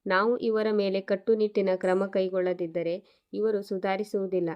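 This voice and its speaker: A woman's voice: mid-range voice, flat delivery, normal speed, highs cut off, natural voice. A woman voicing a stern, scornful male schoolteacher who scolds and dismisses in a story reading. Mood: dismissive.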